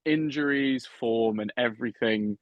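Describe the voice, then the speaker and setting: A man's voice: medium pitch, unhurried, dry recording. A man chats in a loose, joking way as co-host of a podcast. His audio is slightly muffled. It is also dry, with no room sound. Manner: chatty, jokey and swearing, breaks into laughter. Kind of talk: casual chat.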